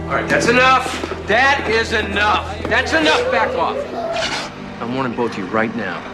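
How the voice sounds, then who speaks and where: An actor playing a stern local sheriff keeping the peace, firm and insistent, in a television drama. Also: male voice, mid-range voice, moderate pace, close to an everyday voice. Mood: stern warning. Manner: commanding, insistent. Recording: music clearly behind the voice.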